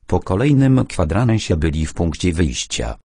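A man narrating a first-person audiobook in a measured, deliberate storytelling manner, recorded on a close studio mic. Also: low voice, big pitch swings, vocal fry, warm tone, breathy edge, no room sound.

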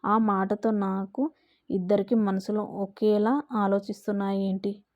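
A woman narrating a first-person story in a slow, emotional way. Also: mid-range voice, level tone, no echo, lo-fi sound.

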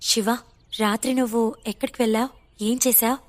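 A woman's voice: a little high, steady tone, fairly quick, lightly acted. Woman doing a fretful young woman designer. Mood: anxious. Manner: fretful, rising and pleading.

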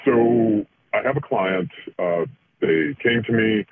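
A male caller speaking hesitantly through a voice changer that shifts his voice deeper. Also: expressive, creaky, breathy edge, dry recording. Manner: hesitant, halting. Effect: voice changer, deep pitch shifted. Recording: tinny phone line.

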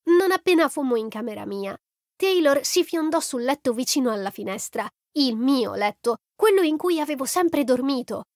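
A woman reading a first-person story as an audiobook narrator in an even storytelling delivery. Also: sits high, moderate pace, no echo, studio quality.

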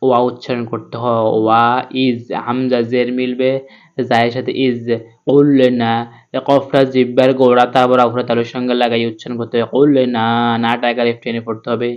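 A man teaching Quran reading to viewers, spelling out each letter and sound slowly before chanting the verse. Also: mid-range voice, level tone, clear, resonant tone, muffled recording. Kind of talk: step-by-step recitation lesson.

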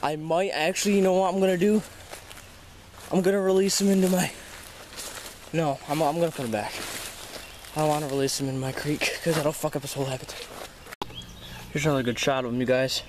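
Guy doing a casual sweary nature vlog outside, voice a bit high, some noise on the camera mic. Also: fairly even intonation, a little fast, long pauses. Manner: informal, exclamatory, sweary, addresses viewers as "you guys". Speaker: host of amateur snake-catching vlog. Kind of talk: casual outdoor wildlife vlog chat. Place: outdoors by a creek in weedy woods. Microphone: handheld camera held by the speaker. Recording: noisy outdoor handheld camera audio.

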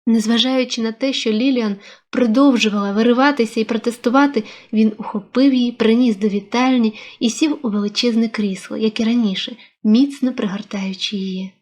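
A woman reading a classic novel aloud as an audiobook narrator, in a measured storytelling manner. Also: on the high side, steady tone, darkish tone.

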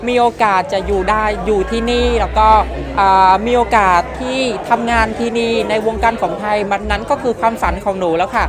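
A 19-year-old woman from Vietnam with a Vietnamese accent, speaking halting, simple non-native Thai as a pageant contestant in a casual interview. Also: mid-range voice, fairly even intonation. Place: busy indoor backstage makeup room. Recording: loud music and chatter behind.

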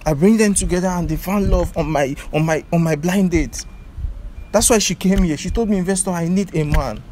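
A man's voice: sits high, fairly quick, a little mellow, slight background noise. A man hosting a blind date, speaking earnestly and stammering at the starts of sentences. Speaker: host of a blind date show. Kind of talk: unscripted hosting.

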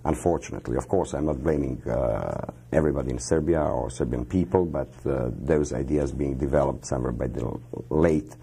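A man in his fifties with a Croatian accent, answering questions as a guest in a television studio interview, speaking in a measured, halting way with many pauses and fillers. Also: very deep voice, gravelly, warm tone, breathy edge.

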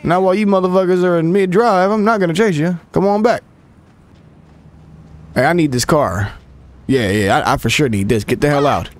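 A young man swearing, trash-talking and shouting at characters while commentating his gameplay. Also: a little high, expressive, normal speed, pauses often. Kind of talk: profane running commentary over gameplay.

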